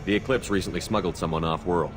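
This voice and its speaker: A man's voice: deep voice, fairly even intonation, quick pace, music in the background, natural voice. A man playing a blunt, businesslike military commander in a video game, terse and direct. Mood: firm, direct.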